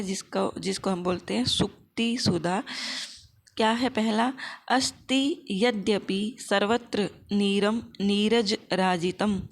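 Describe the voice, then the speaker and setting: A woman teaching an exam-prep lesson, explaining by asking and answering her own questions and reciting verses slowly. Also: mid-range voice, gravelly. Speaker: Sanskrit teacher.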